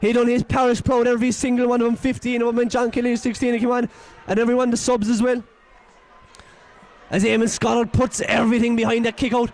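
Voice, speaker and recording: Excitable high-voiced Irish commentator. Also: male voice, fairly quick. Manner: excitable, shouting, openly partisan. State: nearly losing his voice. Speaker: local match commentator. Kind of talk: partisan live sports commentary.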